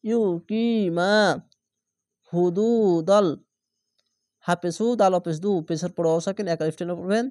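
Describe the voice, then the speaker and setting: A man teaching Quran reading, spelling each word letter by letter and then stretching out the whole word slowly. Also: high-pitched, steady tone, warm tone, no room sound, studio quality. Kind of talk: spelling-out recitation lesson.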